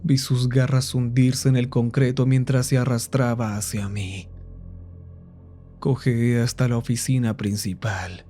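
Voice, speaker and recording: A man narrates a horror story in a slow, deliberate pace with a mellow, darkened tone. Faint music plays underneath his scripted telling. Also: medium pitch, little pitch movement.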